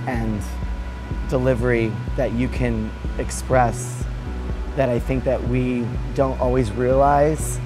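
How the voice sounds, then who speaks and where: A man's voice: medium pitch, low-quality recording. A man in his thirties, a dance teacher, giving reflective interview answers with many fillers and restarts, recorded on a lapel mic in a large hotel lounge.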